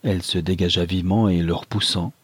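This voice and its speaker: Low, husky male audiobook narrator. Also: steady tone, fast, no echo. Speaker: audiobook reader. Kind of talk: scripted narration of a novel.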